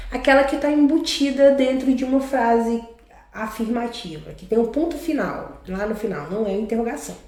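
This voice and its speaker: A woman's voice: high voice, dark tone. Woman teacher in an echoey room. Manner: explains slowly, often tags sentences with a question. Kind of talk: online class lesson.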